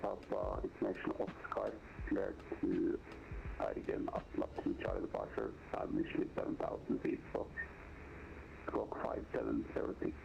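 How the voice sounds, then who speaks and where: Man, air traffic controller, very gravelly, clipped clearances, muffled noisy pilot headset radio. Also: low voice, very animated, moderate pace. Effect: over a pilot headset radio.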